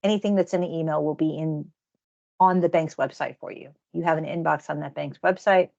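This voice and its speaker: A woman leads a security training webinar in a casual, conversational manner, circling back and restarting her sentences. Her voice sits low with a gravelly, fry-laden edge. The audio is dull and lo-fi. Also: a little fast, mellow. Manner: conversational, repeats words and restarts phrases. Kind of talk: webinar presentation.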